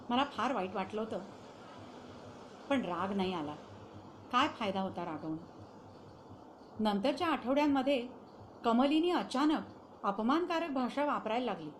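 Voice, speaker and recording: Calm woman narrating a memoir. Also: a little high, slight background noise. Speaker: audiobook narrator. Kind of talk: storytelling reading of a memoir.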